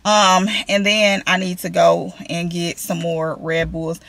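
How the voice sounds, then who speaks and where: A woman's voice: on the low side, fairly even intonation, slow, creaky, a bit bright, no echo. A woman, chatting casually to viewers from a parked car, rambling and calling them y'all. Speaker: vlogger. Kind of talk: casual vlog chat. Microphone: camera on dashboard.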